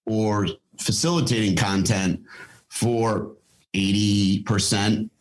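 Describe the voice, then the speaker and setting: A middle-aged man with a somewhat low voice talks casually as a podcast guest. He thinks out loud, with frequent fillers and restarts. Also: fairly even intonation, slow, rough recording. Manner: thoughtful, lots of fillers and restarts. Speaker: podcast guest, fitness company founder. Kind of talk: casual interview talk.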